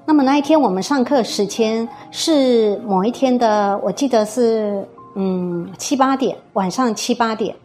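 A woman with a Taiwanese Mandarin accent, a music teacher, telling an eerie story in a lively, suspenseful way with many fillers. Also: medium pitch. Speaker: guzheng teacher recounting a story. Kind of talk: casual storytelling.

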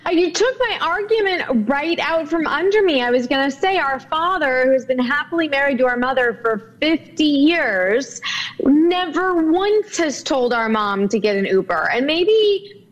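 A woman in a bright, high voice who teases and argues her case with spirit on a TV talk show. She pushes back playfully and keeps up a quick back-and-forth. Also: expressive, highs cut off. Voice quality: teasing and argumentative. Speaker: host's sister, guest.

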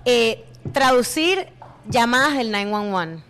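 A young woman with a Venezuelan accent, telling stories in a casual chat with friends, animated and full of slang. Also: on the high side, takes it slowly. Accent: Venezuelan Spanish. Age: young adult.

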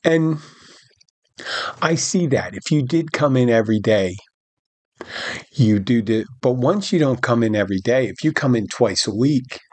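The middle-aged podcast host speaks in a mid-range voice, a little slowly, with long pauses and no echo. His casual monologue is a rambling story about a bartending shift, told with animation, quoted lines acted out, and frequent restarts.

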